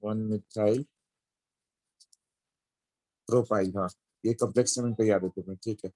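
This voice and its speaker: A man's voice: on the low side, steady tone, normal speed, warm tone, no room sound. A man teaching a chemistry lesson, explaining step by step and checking in with his students as he goes. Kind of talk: classroom lecture.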